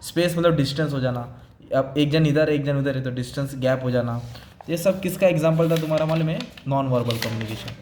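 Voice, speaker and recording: A man with an Indian accent teaching an exam-prep lecture, explaining slowly and rephrasing with everyday examples, mixing Hindi with English terms. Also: mid-range voice, darkish tone, slight background noise.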